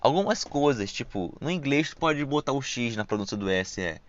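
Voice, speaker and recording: A man's voice: medium pitch, animated, normal speed, no echo. A young man with a Brazilian accent hosting a casual solo podcast, rambling and reflective with lots of slang and fillers, and with s sounds that come out as sh. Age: young adult. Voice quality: hissing s sounds pronounced as sh. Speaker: podcast host. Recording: dull lo-fi dry recording.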